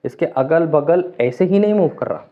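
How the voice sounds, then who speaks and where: A man's voice: fairly high pitch, animated, moderate pace. A man teaching a chemistry lecture, explaining step by step, asking and answering his own questions, and mixing English terms into his talk. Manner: mixes English terms into speech. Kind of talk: classroom lecture. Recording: tinny phone-like sound.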